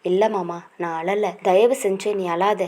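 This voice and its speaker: A woman voicing a heartbroken young wife who speaks quietly and pleads like a child. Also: mid-range voice, fairly even intonation, a little slow, natural voice. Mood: subdued.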